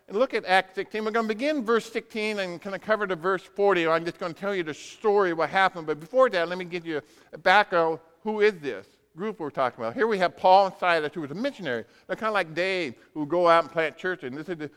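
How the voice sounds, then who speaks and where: In a large hall full of reverb, a man delivers a sermon built on animated personal storytelling, using short punchy phrases and acted-out dialogue. His voice is high and a bit bright, clear and resonant.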